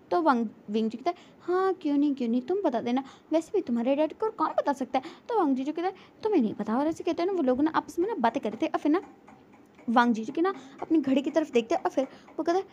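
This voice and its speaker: A woman's voice: high-pitched, dark tone. A woman casually narrating a fan fiction story, quoting each character's lines in turn. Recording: dull lo-fi audio with faint noise.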